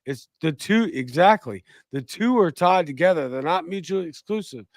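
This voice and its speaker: A man's voice: on the high side, expressive, normal speed, no echo. A man hosting a political talk show, delivering emphatic, ranting commentary into a close mic. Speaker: podcast host.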